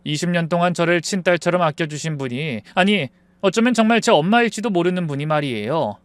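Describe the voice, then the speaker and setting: High-voiced man narrating a story. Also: a little fast, no room sound. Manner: earnest, steady storytelling. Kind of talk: scripted first-person story narration.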